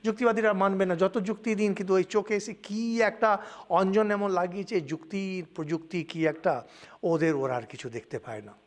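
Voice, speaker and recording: A man, an older monk from India with a Bengali accent, giving a spiritual lecture with animated storytelling and English words mixed in. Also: high-pitched, moderate pace.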